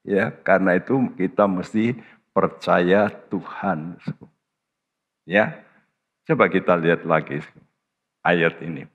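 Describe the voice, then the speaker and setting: A man preaching a sermon as pastor, slow and emphatic, with sudden high-pitched stresses on key words. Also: muffled recording. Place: church. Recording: church hall reverb.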